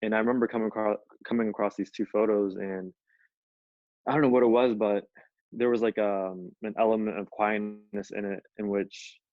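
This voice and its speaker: A man's voice: on the low side, steady tone, moderate pace, dry recording, lo-fi sound. A young man from Ethiopia, a featured artist, telling his story casually with many fillers like "you know" over a video call. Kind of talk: conversational storytelling.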